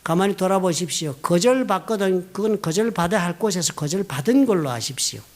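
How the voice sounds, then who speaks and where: A middle-aged man from South Korea, a pastor preaching a sermon in a church, telling personal stories with lively emphasis. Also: a little fast. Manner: storytelling, animated, rising emphatic pitch, quoting others. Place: church sanctuary.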